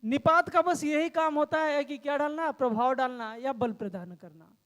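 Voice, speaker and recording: A male grammar teacher with a high voice lectures in a room that rings with long reverb. He explains step by step, posing questions to the class and answering them himself. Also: moderate pace, a bit bright.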